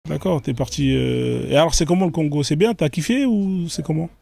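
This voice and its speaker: Man, live-stream host, casual joking chat, gravelly fry, dark mellow tone. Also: a little high, fairly quick, slight background noise. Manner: joking, teasing, relaxed.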